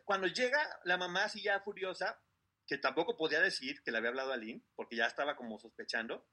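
A man's voice: a little high, breathy edge. A man, retelling a story to co-hosts in a casual chat, acting out what people said. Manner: animated retelling, acting out quotes.

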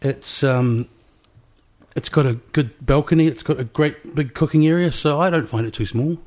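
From his small rented studio apartment, a New Zealand podcast host with a Kiwi accent runs a casual interview chat, rambling with many restarts. His voice is a little high and a little mellow, at a moderate pace.

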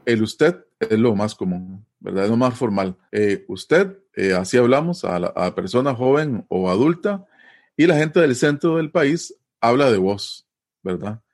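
A man's voice: mid-range voice, lively intonation, unhurried, a little mellow. A man from Costa Rica with a Costa Rican Spanish accent, explaining things in a conversational interview and often checking in with tag questions.

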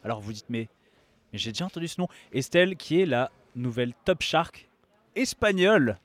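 A man's voice: medium pitch, big pitch swings, normal speed, dry recording. Joking, rambling male radio host. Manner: joking, rambling, many restarts. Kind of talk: casual interview hosting.

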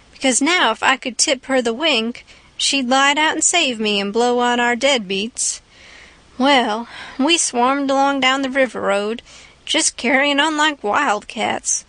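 Woman audiobook narrator, folksy and unhurried, high and dry. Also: fairly bright tone, dry recording. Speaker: audiobook reader. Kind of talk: scripted narration of a classic novel.

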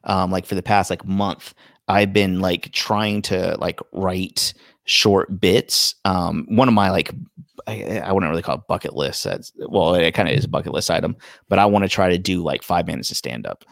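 A man's voice: deep voice, moderate pace, vocal fry, no room sound, studio quality. A young man hosting a podcast, chatting casually and rambling with fillers and restarts. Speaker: podcast host. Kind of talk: casual chat.

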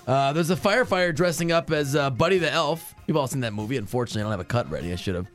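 A man co-hosting a radio show, telling stories in casual chat with quick filler words, on a studio mic. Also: mid-range voice, animated, soft background music. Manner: fast, chatty with filler words. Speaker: radio co-host.

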